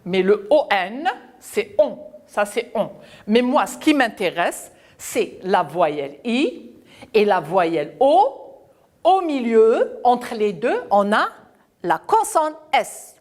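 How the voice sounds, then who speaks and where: Slow, sing-song woman teaching children. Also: a little high, sing-song, darkish tone. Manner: slow, emphatic, repeats words and sounds for young pupils. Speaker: primary school teacher. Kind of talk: televised French lesson for children.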